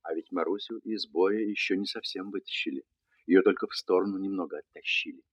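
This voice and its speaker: A man's voice: low voice, a little fast. An actor playing a kindly, fatherly former soldier who talks to children in playful mock-military style. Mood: gentle, fatherly. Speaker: actor in a dramatized story. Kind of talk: dramatic film or radio acting.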